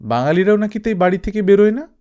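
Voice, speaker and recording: A man's voice: high voice, expressive, fast, warm tone, muffled recording, pitched above the performer's own voice. A man voicing a teasing young Afghan woman. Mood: playful. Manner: playful, teasing questions.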